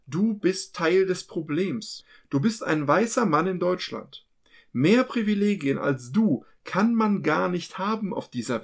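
A man's voice: high voice, creaky. A man hosting a podcast in German, talking earnestly and with feeling about a serious subject. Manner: earnest, impassioned. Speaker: podcast host. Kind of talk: hosted podcast talk.

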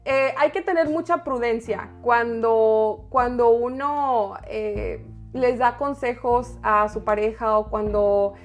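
A woman with a high, bright voice talks through relationship advice in a loose, playful way, laughing often and tripping over her words. Faint music runs quietly behind her. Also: takes it slowly. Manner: playful, chatty, laughs often, many restarts. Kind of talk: casual advice talk.

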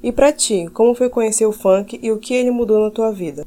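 A woman's voice: fairly high pitch, fairly quick, mellow, faint music behind. A woman hosting a podcast, delivering fluent, opinionated prepared remarks and then asking a question. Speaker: podcast host.

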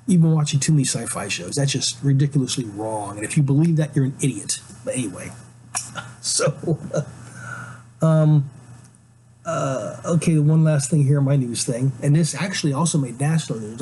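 Rambling, sarcastic man with a mellow voice. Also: mid-range voice, slight background noise, poor audio. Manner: rambling, with many fillers and restarts; sarcastic, scoffing. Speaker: podcast host. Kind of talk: opinionated solo commentary.

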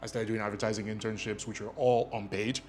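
A man's voice: fairly low pitch, level tone, fast talker, soft background music. A man from Nigeria whose first language is Ijesha, a guest telling his story with lots of ums and a self-deprecating air. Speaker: guest, media company CEO. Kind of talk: casual interview.

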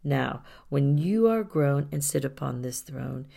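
A woman's voice: rumbling low, lively intonation, measured pace, creaky, dark tone, heavily acted. A woman voicing a boastful, cruel old king who speaks in a grand, gloating way, in a storybook reading.

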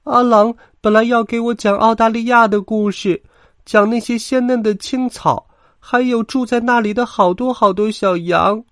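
A man voicing a small, excitable little lamb who bleats in a high, whiny voice. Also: normal speed, no echo, studio quality. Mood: tearful.

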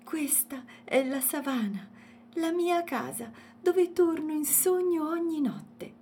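A woman's voice: high voice, expressive, slow, darkish tone, a little hiss or hum, voice pushed up. Woman doing a cheerful baby elephant. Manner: cheerful, playful. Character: friendly young male elephant calf.

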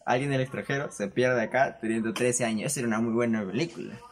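A young man with a Peruvian Spanish accent tells stories to camera in a casual, animated way. He laughs often and swears freely. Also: mid-range voice, fast talker. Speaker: vlogger. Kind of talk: casual storytelling monologue. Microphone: camera setup with microphone.

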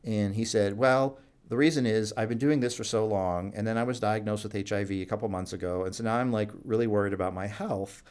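Low-voiced man telling clinic stories. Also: fairly quick, hardly any pauses, clean tone. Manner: animated anecdote-telling, acts out quoted dialogue. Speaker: doctor at a jail HIV clinic. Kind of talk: storytelling in a conversational interview.

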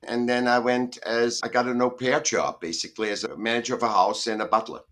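The middle-aged man speaks fairly quickly in a steady, mid-range voice with a fairly bright tone. Originally from Austria, he's a guest artist on a video call from his Southern California home, rambling and emphatic in casual interview talk, often correcting himself.

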